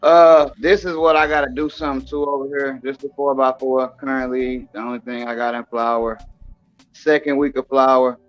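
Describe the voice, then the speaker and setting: A man of ordinary pitch hosting a relaxed live stream, talking in a loose, slangy way and swearing freely. Faint music plays quietly behind him. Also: brisk, lo-fi sound. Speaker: podcast host showing his grow. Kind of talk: casual stream chat.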